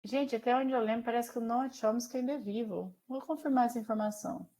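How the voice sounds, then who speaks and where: A woman with a Brazilian accent teaching a Portuguese class over a video call, explaining slowly and often checking in with her students. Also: a little high, warm tone. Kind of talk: online class lecture.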